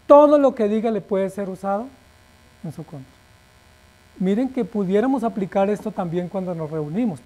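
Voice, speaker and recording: Preaching with emphasis, this high-voiced pastor fires off rhetorical questions, his phrase endings fading to near silence.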